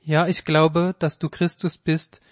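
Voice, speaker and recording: A man voicing Martha, a grieving woman of faith, in a spoken Bible reading, with a solemn, measured delivery. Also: a little high, flat delivery, no echo, natural voice. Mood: earnest.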